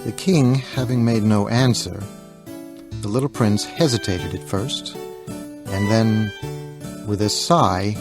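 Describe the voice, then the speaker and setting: A man narrating an audiobook in a calm storytelling manner. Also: lowish voice, takes it slowly, pauses often, music in the background.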